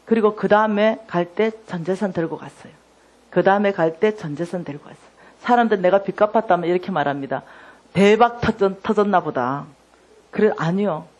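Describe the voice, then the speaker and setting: A middle-aged woman giving a sermon testimony, telling her story with lively acted-out dialogue. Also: mid-range voice. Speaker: lay minister giving testimony.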